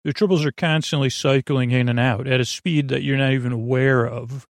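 A podcast host delivers a rambling, whimsical bedtime monologue that meanders, halting and often repeating or correcting himself. His creaky, gravelly voice sits at medium pitch with fairly even intonation. The recording is dry and of studio quality.

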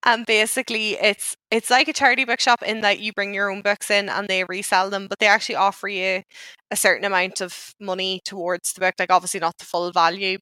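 A Northern Irish woman speaks in casual podcast style, animated and informal. Her voice is bright and sits at a medium pitch. The sound is dry, with very little room. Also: dry recording. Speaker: podcast co-host.

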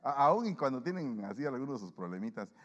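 A male pastor preaching to his congregation and leading communion, lively and acting out the voices of people he quotes. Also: mid-range voice, fast talker, big-room sound, dull audio. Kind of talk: sermon and communion prayer. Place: church.

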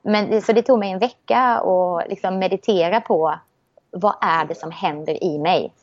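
A woman talks in a reflective, optimistic way, often restarting her thoughts. The recording sounds a bit dull. She speaks as a guest in a casual conversation. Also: fairly low pitch.

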